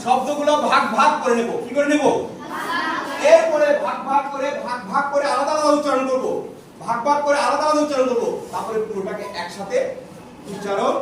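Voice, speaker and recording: In a large echoey classroom, a man with an extremely high, brisk voice runs a call-and-response lesson, posing questions that students repeat answers to. The recording is noisy and captured from a distant mic.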